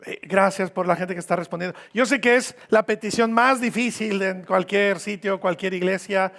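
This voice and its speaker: Mexican pastor guy preaching in a church, kinda high voice, jokey, says stuff twice. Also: steady tone, normal speed, creaky, fairly bright tone. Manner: informal, joking, repeats phrases for emphasis. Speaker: visiting pastor. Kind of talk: sermon. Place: church hall.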